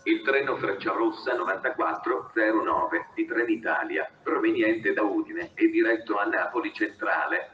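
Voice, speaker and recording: A man making a flat, formal station announcement in a scripted, segmented delivery. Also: lowish voice. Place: over a railway station PA. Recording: echoey, dull, noisy station loudspeaker.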